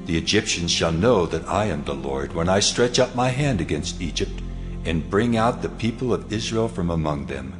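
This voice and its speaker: An actor playing God as a solemn, authoritative and measured divine voice in a dramatized scripture reading. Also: male voice, deep voice, expressive, over music. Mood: solemn, commanding.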